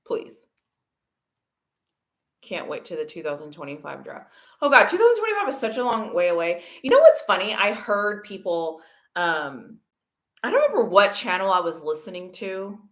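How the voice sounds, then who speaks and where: An animated woman hosts a casual sports livestream and talks straight to her chat. She argues with emphatic repetition, and her voice swings widely in pitch. She sits at a middle pitch for a woman. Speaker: livestream host. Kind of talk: casual football talk livestream.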